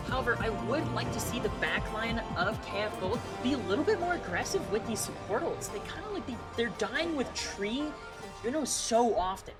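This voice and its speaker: A woman casting a video game match live in the manner of a fighting game announcer. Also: on the high side. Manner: excited fighting game announcer style calls. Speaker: esports match caster. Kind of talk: live esports play-by-play commentary. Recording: loud game music and gunfire behind. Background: loud game music, gunfire.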